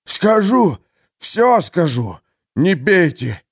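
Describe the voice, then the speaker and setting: A man's voice: mid-range voice, animated, unhurried, natural voice. A man voicing a cowardly male jailer who sneers at first and then begs for mercy under blows, in an audiobook. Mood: pleading. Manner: pleading, whining.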